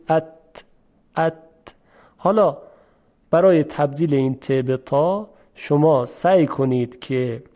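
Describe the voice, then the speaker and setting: A man teaching how to pronounce Arabic letters for Quran recitation, explaining slowly and repeating drill sounds. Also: a little high, mellow. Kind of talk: explanatory lesson on letter pronunciation.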